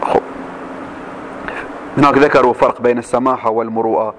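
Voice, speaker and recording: A man teaching a class, reading a text slowly and then explaining it with quick questions to his students. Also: medium pitch, steady tone, a bit bright, slight background noise.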